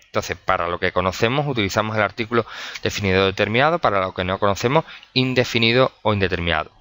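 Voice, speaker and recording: A male teacher with a Spanish accent giving a recorded video lesson, explaining patiently with pauses, fillers and many examples. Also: on the low side, pushed and bright, smooth, dry recording.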